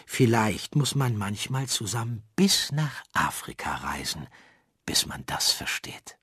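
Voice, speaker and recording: A man voicing a small, timid but brave earthworm in a storybook reading, faking a gruff voice to bluff. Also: on the low side, big pitch swings, measured pace, bright, forceful tone, no echo, clean studio sound, exaggerated voice. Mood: earnest. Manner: trembling, then gruff when bluffing.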